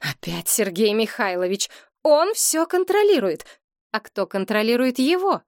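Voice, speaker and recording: A woman's voice: fairly high pitch, big pitch swings, measured pace, no echo, studio quality, pitched above the performer's own voice. A woman voicing a grave, suspicious adult daughter who speaks grimly and questions pointedly in an audiobook. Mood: probing. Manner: grim and probing. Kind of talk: audiobook character reading.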